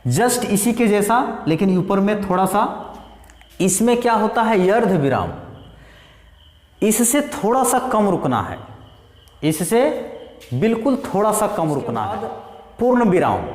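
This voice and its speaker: Guy teaching a grammar class, slow and bouncy high voice, roomy echo. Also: sing-song, a little mellow. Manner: slow, explaining with worked examples. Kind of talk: Hindi grammar lesson. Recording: echoey room, distant reverb.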